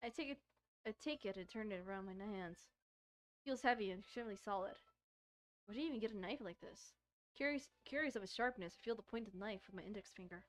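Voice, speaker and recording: A woman streams games with a mid-range voice and a fast delivery, giving casual let's-play commentary. She reads a visual novel aloud, frequently stumbling and repeating words.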